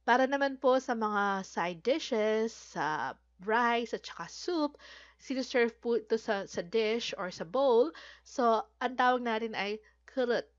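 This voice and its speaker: Female language teacher from the Philippines, unhurried and patient, slightly muffled lo-fi recording. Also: on the high side, animated. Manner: patient, repeats words slowly, polite "po". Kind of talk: Korean vocabulary lesson in Filipino.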